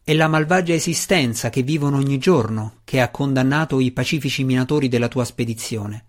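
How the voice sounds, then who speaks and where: An earnest, wry dark elf warrior, voiced by a male narrator. He talks in a pressing, slightly raised voice, as he pushes a friend in a fantasy audiobook. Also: medium pitch, brisk, lightly acted.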